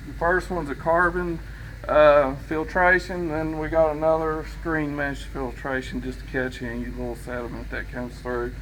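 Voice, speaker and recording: A man's voice: on the high side, level tone, moderate pace, low-quality recording. A man giving an informal, folksy guided tour as a distillery owner, explaining things in a hesitant way. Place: inside a working distillery. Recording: loud machinery and room noise behind.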